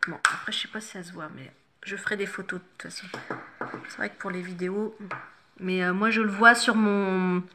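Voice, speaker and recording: A woman's voice: mid-range voice, steady tone, normal speed, background noise. A woman makeup vlogger chatting casually through a tutorial at home, with many fillers and self-corrections. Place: home, no studio lighting.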